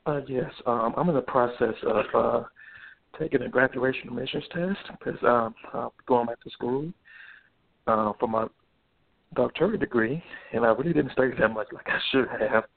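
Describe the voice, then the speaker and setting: Gravelly male caller on speakerphone. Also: mid-range voice, moderate pace. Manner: hesitant, with many fillers. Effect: on speakerphone over a phone line. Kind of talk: call-in question to a radio show. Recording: tinny phone line.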